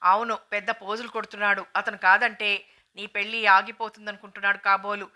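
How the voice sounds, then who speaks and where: A woman's voice: medium pitch, level tone, fairly quick, bright, forceful tone. A woman reading the lines of an outspoken, affectionate young sister-in-law who scolds and teases. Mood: scolding.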